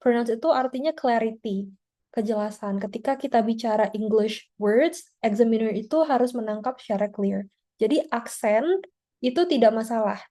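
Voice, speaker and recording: A woman's voice: fairly high pitch, normal speed, warm tone. A woman teaching an online exam-prep class over a video call, explaining in a chatty way with frequent tag words. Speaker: IELTS teacher.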